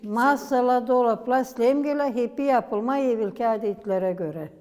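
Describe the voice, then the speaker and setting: A woman from Gagauzia with a Gagauz accent, explaining village history as a local museum guide in an unhurried, halting way with many pauses. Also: a little high, darkish tone, in a large hall. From Gagauzia, Moldova.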